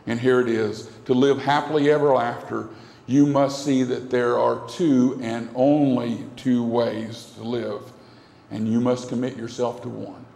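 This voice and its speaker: Warm and unhurried, with vocal fry and a level mid-range tone, a middle-aged pastor preaches from the pulpit mic, earnest, repetitive and gesturing widely. The indoor sanctuary sounds echoey from the distant camera.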